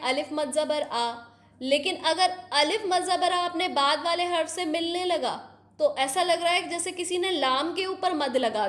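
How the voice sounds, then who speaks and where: A woman teaching young children, explaining slowly and patiently, often asking questions to check they follow. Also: sits high, a bit bright.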